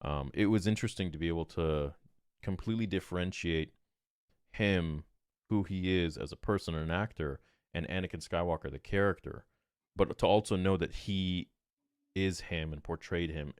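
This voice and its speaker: Low-voiced man telling a rambling story. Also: moderate pace, smooth, no room sound, studio quality. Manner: animated, rambling retelling full of "I'm like". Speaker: podcast guest. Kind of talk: casual storytelling.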